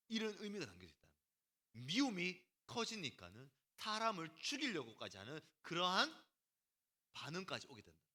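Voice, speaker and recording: Animated, bright-voiced male youth pastor. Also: a little high. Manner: animated, teasing, acts out quotes and calls on students by name. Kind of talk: lively youth sermon.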